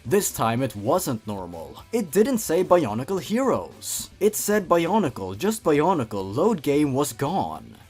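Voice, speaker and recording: Fairly high and husky with a darkish tone, his voice swings widely in pitch as he speaks a little slowly and rarely pauses. He's a comedy host mixing a dramatic read-aloud of horror fan fiction with wry, sarcastic commentary, all theatrically emphasized.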